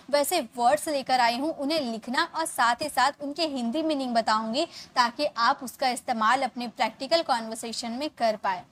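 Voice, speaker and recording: In a high voice, a woman gives an English lesson, spelling out every word, saying it again slowly, and checking repeatedly that her students are keeping up. There is a slight background noise.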